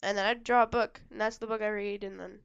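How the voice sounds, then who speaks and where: A woman's voice: medium pitch, little pitch movement, fast talker, clear, resonant tone, muffled recording. A woman co-hosting a book-review podcast, talking casually in a hesitant, rambling way with many fillers and giggles. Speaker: podcast co-host.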